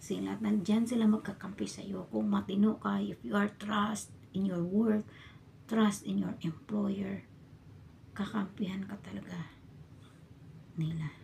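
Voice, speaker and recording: A woman from the Philippines, a domestic worker abroad, telling her story in a casual vlog and often dropping into a hushed whisper. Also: medium pitch, fairly even intonation, a little slow, gravelly, pauses often, slight background noise. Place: a bedroom in her employer's home.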